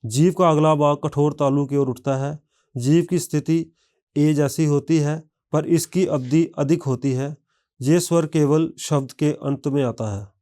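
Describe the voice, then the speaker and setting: Slow, measured male language teacher. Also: fairly high pitch, fairly even intonation, dark tone. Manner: measured, reads word lists one by one. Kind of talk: slow scripted lesson narration.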